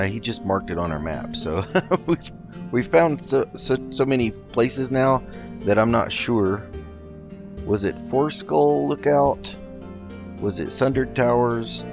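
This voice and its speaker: Here a gaming host drifts through a casual roleplay let's play, thinking out loud with long pauses. His medium-pitched delivery is expressive and slow, with some vocal fry, over faint game music on a slightly dull mic.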